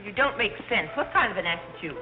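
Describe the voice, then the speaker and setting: An actress playing a middle-aged, scatterbrained society matron who chatters in blithe screwball comedy banter in an old 1930s film. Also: female voice, mid-range voice, expressive, fast talker, close to an everyday voice. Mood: blithely scatterbrained. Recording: muffled 1930s film soundtrack, music behind.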